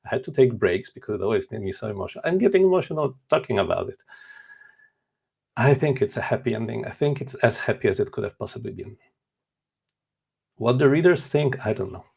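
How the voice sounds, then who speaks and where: This Polish man in his forties, a native Polish speaker, appears as an author guest in a casual interview, talking in an earnest, candid and self-deprecating way. His medium-pitched voice is expressive, gravelly and slightly rough with a darkish tone, and he speaks fairly quickly while pausing often.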